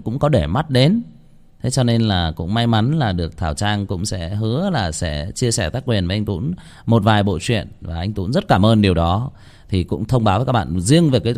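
A man's voice: fairly low pitch, a little mellow. A man who chats casually with listeners and then reads a horror story aloud in a grave, dramatic voice. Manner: chatty and joking in the intro, grave when reading.

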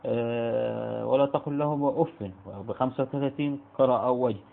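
An Egyptian man teaches a spoken lesson in a quick, gravelly voice. He keeps restarting words and answers his own questions. The sound is thin and narrow, as if it came down a phone line. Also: mid-range voice, fairly even intonation. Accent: Egyptian Arabic. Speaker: Islamic studies teacher. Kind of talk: spoken lecture.

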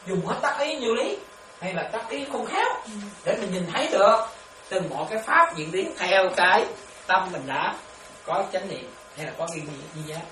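At normal speed and in a mid-range voice, a woman teaching meditation as a Buddhist nun gives a dharma talk full of laughter. She's lively and constantly asks questions to confirm her listeners understand, with the audio coming from a distant mic in a noisy, echoey room.

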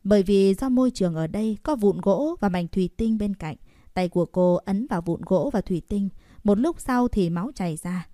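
Female audiobook narrator, steady delivery, close, dry recording. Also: medium pitch, moderate pace, no echo. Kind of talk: story narration.

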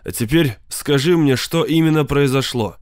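A man's voice: mid-range voice, moderate pace, darkish tone, no room sound, studio quality, voice pushed up, lightly acted. A man voicing an irritable, self-important husband who makes indignant demands in an audiobook. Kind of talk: audiobook character voice.

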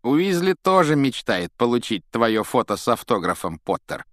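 A man voicing an arrogant schoolboy bully who taunts and mocks loudly, in an audiobook. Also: mid-range voice, big pitch swings, moderate pace, no echo, studio quality, voice pushed up. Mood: sneering. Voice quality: sneering, taunting. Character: sneering arrogant schoolboy bully, loud and mocking. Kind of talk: audiobook character voice.

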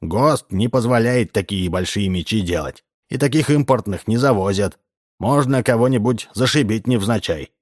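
A man's voice: fairly low pitch, expressive, normal speed, no echo, studio quality. A man voicing a sly, pushy middle-aged building manager in a read-aloud story. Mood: scheming. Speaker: building contractor.

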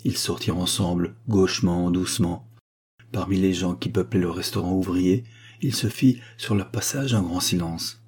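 A man reads literary fiction aloud at a measured, expressive pace. His voice is low and dark, with a husky, breathy texture. He sounds like an audiobook narrator carrying a quiet story.

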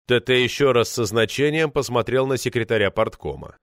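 A man narrating a novel as an audiobook with an expressive delivery. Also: medium pitch, fairly quick, no echo, clean studio sound. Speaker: audiobook reader.

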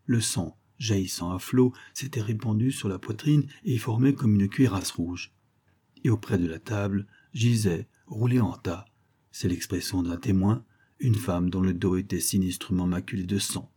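A man reading a classic crime novel as an audiobook narrator, in a measured, phrase-by-phrase delivery. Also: lowish voice, warm tone, breathy edge. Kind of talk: scripted literary narration.

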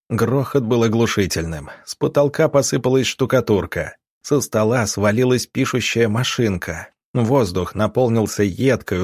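A man narrating an audiobook in a steady, measured, husky voice, recorded on a close studio mic. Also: lowish voice, no room sound.

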